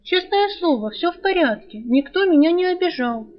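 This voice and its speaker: A woman's voice: extremely high pitch, animated, moderate pace, lo-fi sound, voice pushed up. A woman reader voicing a flustered, indignant young woman who shrills and pleads. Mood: pleading.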